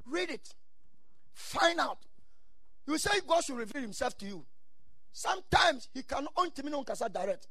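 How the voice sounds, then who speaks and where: A man's voice: very high voice, big pitch swings, a little slow, long pauses, bright, forceful tone, no echo, clean studio sound. A man with a Ghanaian accent preaching a sermon in exhorting, repeated short phrases, mixing English with Ghanaian Pidgin and Twi.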